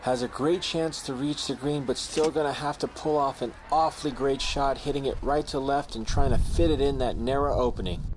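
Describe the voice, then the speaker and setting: A man's voice: medium pitch, fairly even intonation, moderate pace, hardly any pauses, lightly acted. A man playing a careful on-course golf commentator, giving analytical shot commentary in a video game. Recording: clear outdoor background noise.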